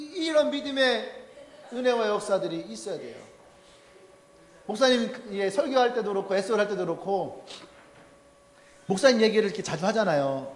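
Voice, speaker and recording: A male pastor preaching a sermon to his congregation, animated and often acting out the people in his stories. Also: high voice, slight background noise. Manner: animated, acts out quoted people with shouts and laughs. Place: church sanctuary. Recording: echoey church hall.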